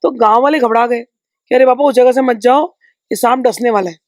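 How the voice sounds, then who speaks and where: A woman spiritual teacher giving emphatic, conversational teachings in a podcast, with storytelling and sharp rhetorical asides. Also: fairly high pitch, a little fast, no echo. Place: indoor podcast recording.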